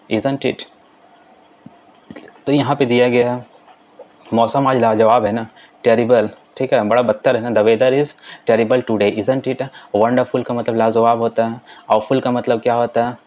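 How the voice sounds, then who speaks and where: Slow, flat-voiced man teaching English. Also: medium pitch, dull audio. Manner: reads English sentences slowly, explains quickly in Hindi; repeats "ठीक है" as a filler. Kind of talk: explaining English lessons in Hindi.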